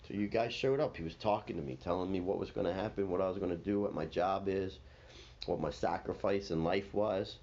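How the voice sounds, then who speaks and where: A man voicing Jesus as a calm, knowing man who talks in casual slang. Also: low-pitched, brisk. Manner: relaxed, slangy, easygoing. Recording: slightly dull with faint noise.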